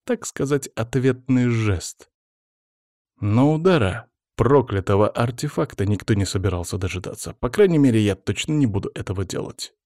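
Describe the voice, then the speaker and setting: A man narrating a fantasy audiobook in the first person, in an even, measured storytelling manner. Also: medium pitch, no room sound, clean studio sound.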